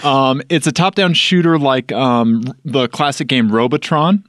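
A man's voice: medium pitch, unhurried, fairly bright tone, dry recording, studio quality. A man with a Missouri accent hosting a podcast in a casual, joking chat, often checking in as he explains. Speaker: podcast host.

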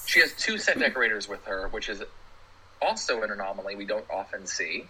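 A man, a production designer, chatting as a podcast guest and telling stories with animated energy. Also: on the low side, a little fast, breathy edge, poor audio. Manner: animated storyteller, laughs while talking. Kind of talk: casual podcast chat.

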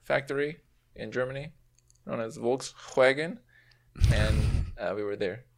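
A man hosting a casual podcast conversation, joking and teasing with playful deadpan self-mockery. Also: medium pitch, measured pace. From United States (Southern California). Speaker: podcast host.

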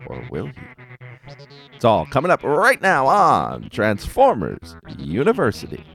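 A man hosts a casual fan podcast, recapping cartoon episodes with enthusiastic, conversational energy while music plays under his voice. His mid-range, slightly bright voice has vocal fry and wildly swooping pitch, though his pace stays measured.

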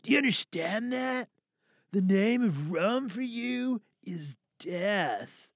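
A crazed cartoon man hollers warnings and bursts into shrieking cackles. The voice is very high and bright with a rough, gravelly grain. It has a dry, close sound. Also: wildly swooping pitch, very slow, no room sound, full character voice. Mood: manic. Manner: shouting, cackling between lines. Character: manic cackling ranting man.

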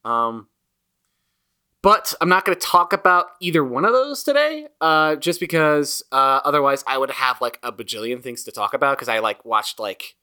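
Bright, forceful man chatting as podcast host. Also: mid-range voice, very animated, moderate pace, smooth. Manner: rambling, repeats himself for emphasis. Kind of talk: casual chat.

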